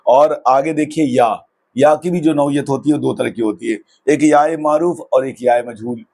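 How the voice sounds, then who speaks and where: Husky man teaching Urdu grammar. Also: mid-range voice, a little mellow. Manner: drawn-out example words, repeated slowly. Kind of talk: explanatory lesson.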